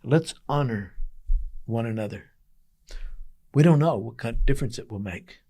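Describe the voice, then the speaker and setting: A man as a pastor giving a daily devotional message, telling a story earnestly with emphatic pauses. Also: mid-range voice, mellow.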